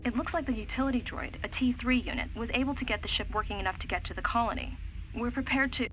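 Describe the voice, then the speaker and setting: An actress playing a female medical officer on a mining station, reading brisk, matter-of-fact log entries in a video game. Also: a little high, a bit bright, lightly acted, poor audio. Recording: game audio under music.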